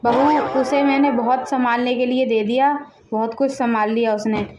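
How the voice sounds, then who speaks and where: A woman's voice: on the high side, steady tone, normal speed, darkish tone, a little hiss or hum, lightly acted. A woman playing a bossy mother-in-law. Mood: firm. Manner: firm, commanding. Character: bossy middle-aged mother-in-law, head of household.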